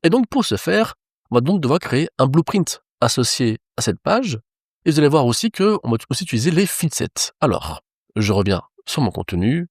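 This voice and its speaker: A man's voice: medium pitch, sing-song, fairly quick, slightly rough, no room sound, studio quality. A man teaching web development, explaining each step of a screen-recorded tutorial to his viewers.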